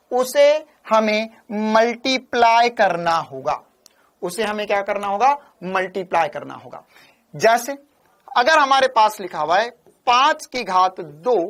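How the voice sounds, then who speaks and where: A man with a high-sitting, fairly bright voice teaches an online physics coaching class. He repeats phrases and questions his students rapidly, repeatedly asking viewers to confirm and give a thumbs up.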